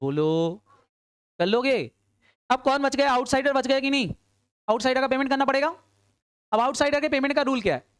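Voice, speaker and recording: A woman teaching accounts to a class, firing questions at her students, urging quick answers and often answering them herself. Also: high voice, animated, smooth, no room sound, studio quality. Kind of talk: classroom lecture.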